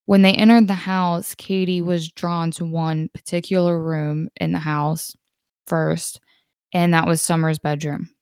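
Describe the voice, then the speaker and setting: A woman casually retelling paranormal stories, unhurried, with musing asides and the odd restart. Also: on the low side, little pitch movement, darkish tone, clear, resonant tone, dry recording, studio quality. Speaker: storyteller.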